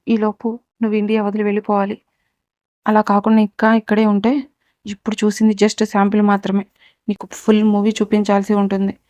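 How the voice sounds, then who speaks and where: A woman voicing a cold, powerful young businessman who lays out accusations and threats in a steady voice. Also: medium pitch, dry recording, lightly acted. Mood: threatening. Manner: coolly menacing, lays out accusations. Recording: dull, dry recording.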